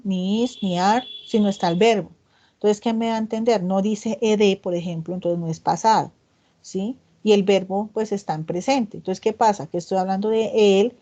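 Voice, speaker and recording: A woman's voice: medium pitch, dark tone, muffled recording. A woman teaching English grammar in an online class, explaining step by step and often checking in with her students. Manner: reads English example sentences slowly and with emphasis. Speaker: English tutor.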